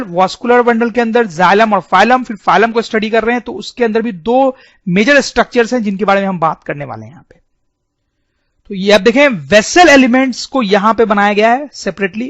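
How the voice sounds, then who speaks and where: High-voiced man teaching, dull dry sound. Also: fairly bright tone, dry recording. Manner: repeats key terms, keeps addressing students. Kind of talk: biology lesson over diagrams.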